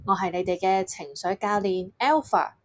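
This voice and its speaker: A woman with a Hong Kong Cantonese accent, presenting a scripted mindfulness lesson for children as a gentle emotion coach. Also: mid-range voice, moderate pace.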